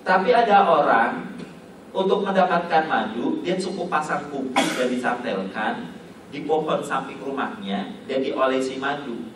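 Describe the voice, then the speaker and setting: A man's voice: medium pitch, a bit bright, slight background noise. A male Islamic preacher, giving a joking, storytelling sermon that acts out little scenes. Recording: echoey hall, voice from far off.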